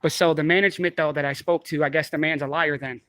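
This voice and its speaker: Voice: mid-range voice, fairly even intonation, fast, a bit bright, no echo. A blunt, insistent person who repeats demands and swears, arguing and commenting confrontationally while filming in a building lobby. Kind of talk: confrontational argument and commentary to camera.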